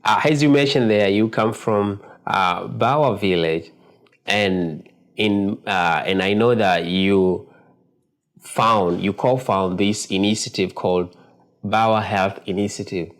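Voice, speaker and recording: A man's voice: on the low side, slow. A man hosting a podcast interview, speaking in a formal, courteous way. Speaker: podcast host.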